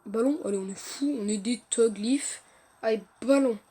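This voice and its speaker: A woman giving casual commentary on her own mobile game, excitable and jumping between muttered asides and loud outbursts of playful trash talk, recorded on a phone mic. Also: a little high, normal speed, slightly rough. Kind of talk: casual live gameplay commentary. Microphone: phone mic via screen recorder.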